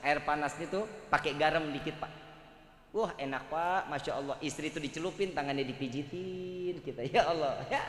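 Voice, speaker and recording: A man's voice: fairly high pitch, normal speed, fairly bright tone. A man with a Betawi accent preaching a humorous sermon to a gathering, teasing and joking with the audience. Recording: echoey hall with faint background noise.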